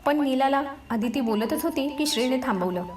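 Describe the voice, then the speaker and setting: A woman storyteller giving scripted narration of a romance audiobook in a steady, expressive reading voice. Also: high voice, normal speed. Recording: roomy echo with faint music behind.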